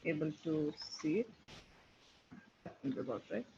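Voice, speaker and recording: A man presenting a live software demo in a webinar, talking himself through each step as he clicks. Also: fairly high pitch, expressive, moderate pace, creaky. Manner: thinking aloud while clicking through a tool. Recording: dull lo-fi webinar audio with faint hiss.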